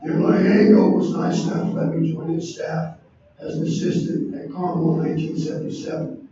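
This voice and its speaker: A hoarse man in his sixties from Indiana, giving an earnest acceptance speech as a coach inducted into a hall of fame. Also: fairly high pitch, level tone, a little fast, warm tone. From Indiana, USA. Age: 60s. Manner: earnest, lists names and values. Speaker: award inductee, basketball coach. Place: large banquet hall. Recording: echoey hall, distant muffled mic, faint noise.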